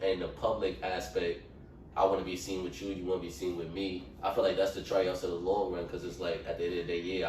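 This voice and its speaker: A man's voice: sits low, darkish tone. A man, a podcast guest, rambling in a casual group chat with many fillers. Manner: rambling, heavy use of fillers. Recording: echoey room, mic far off, faint noise.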